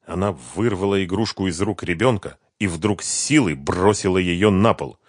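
A man narrating an audiobook in measured storytelling. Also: sits low, no room sound, studio quality.

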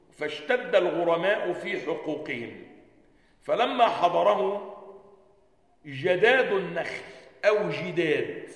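A man with an Egyptian accent teaching a religious lesson, animated, asking his listeners questions and answering them himself. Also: a little high. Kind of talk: classroom lesson explaining a hadith text. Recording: echoey hall with long reverb.

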